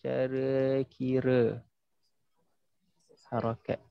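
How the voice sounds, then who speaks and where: A man's voice: medium pitch, little pitch movement, very slow, gravelly, clear, resonant tone, no room sound, lo-fi sound. A young man teaching a class online, patiently quizzing students and filling gaps with "ha" and "okey". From Malaysia. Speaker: tajwid teacher. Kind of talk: casual online class instruction.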